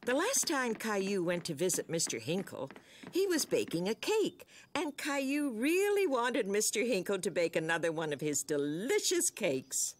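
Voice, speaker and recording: An actress as a kindly storyteller, narrating a children's cartoon from a script. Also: female voice, medium pitch, big pitch swings, moderate pace, background noise, lightly acted. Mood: storytelling.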